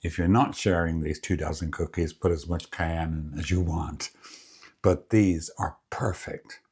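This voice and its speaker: A man with a deep, husky voice talks through a recipe in his home kitchen. He sounds relaxed and chatty, a cooking host who savors each bite out loud as he tastes. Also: unhurried. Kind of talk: casual cooking demonstration.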